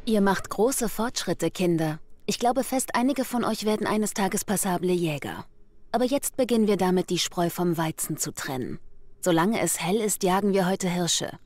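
A stern hunter instructing children. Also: female voice, on the low side, animated, normal speed, darkish tone, dry recording. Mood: solemn instructive. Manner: solemn, instructive. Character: stern woman hunter teaching village children. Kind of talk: dubbed video game dialogue.

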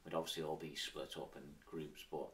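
Manx guy in his thirties, deep voice, casual interview chat, bit far from the mic. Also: flat delivery, fairly quick, fairly bright tone, a little hiss or hum. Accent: Manx, Isle of Man. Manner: informal, with frequent "sort of" and "like". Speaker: interview guest, former professional cyclist.

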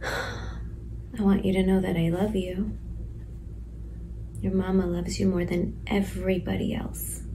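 A woman playing a pregnant sixteen-year-old girl in detention, speaking softly and slowly in a stage monologue, some lines whispered. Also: mid-range voice, steady tone, a little hiss or hum, low-quality recording. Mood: tender. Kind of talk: stage monologue, letter to her unborn baby.

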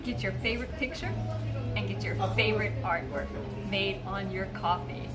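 A woman in her forties, a vlog host, chatting excitedly into a close-held phone camera in a small quiet cafe. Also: mid-range voice, normal speed, poor audio. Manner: bubbly and gushing, excitable. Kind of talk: casual travel vlog. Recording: loud music behind the voice.

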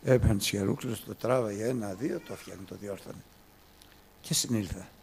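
A man preaching a sermon, telling a story with swings from soft to loud. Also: lowish voice, vocal fry, a little hiss or hum.

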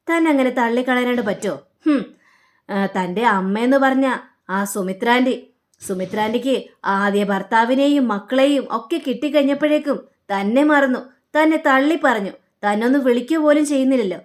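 Earnest, reassuring young man, read by a woman, slightly high voice. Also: normal speed, pauses often, natural voice. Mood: pleading. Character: warm young man comforting a friend.

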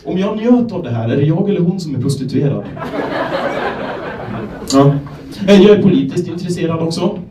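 A young Swedish man from Gävle doing a stand-up set, telling self-deprecating stories in a deadpan way and acting out the people in them. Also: a little high, pauses often, noisy background. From Sweden, Gävle. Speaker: stand-up comedian. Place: comedy club stage. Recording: echoey club room, voice from a distance.

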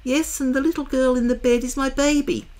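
A woman voicing a gentle grown mother, soft, apologetic and wistful. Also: sits high, flat delivery, fairly quick, voice pushed up, close to an everyday voice.

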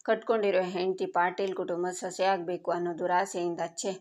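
A woman reading the lines of a heartbroken adult son who was adopted, in a flat, even storytelling voice. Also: fairly low pitch, fairly quick, natural voice. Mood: sorrowful.

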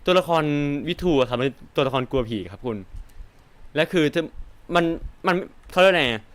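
Guy playing a horror game, reads the dialogue out loud, jokes around and swears a lot, smooth clear voice. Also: fairly high pitch, lively intonation, normal speed. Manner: jokey, swears, reacts loudly to scares. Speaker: game streamer. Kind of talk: casual let's-play commentary, reading game dialogue aloud.

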